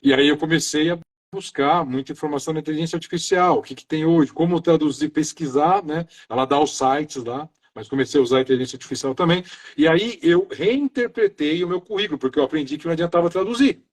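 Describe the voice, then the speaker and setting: Speaking fast in a slightly high voice, a middle-aged maintenance engineer from Brazil earnestly answers questions in a relaxed live interview. He strings ideas together loosely with repeated "então" and "né."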